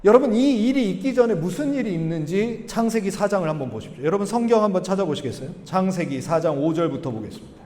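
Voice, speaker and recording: A man's voice: high voice, a little mellow. A male pastor giving a sermon, often putting questions to the congregation and acting out Bible voices. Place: church sanctuary. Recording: long hall reverb.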